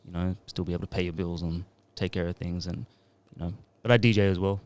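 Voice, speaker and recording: In a deep, darkish voice, the man, a DJ and music producer in his thirties, talks fast while holding a level tone. It's a casual podcast interview, and he rambles along easily.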